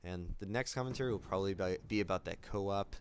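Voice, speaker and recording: A young man talking in a casual vlog, subdued and somber, halting with many fillers and restarts. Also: sits low, a little hiss or hum. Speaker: gaming YouTuber.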